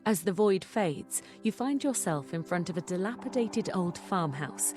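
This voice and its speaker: A woman's voice: on the low side, expressive, moderate pace, darkish tone. A woman reading scripted second-person fantasy narration as a game narrator. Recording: music behind the voice.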